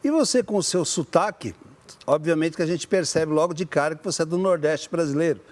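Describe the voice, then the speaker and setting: A man's voice: on the high side, fairly quick. A man with a Brazilian Portuguese accent hosting a talk show with jokey, theatrical banter.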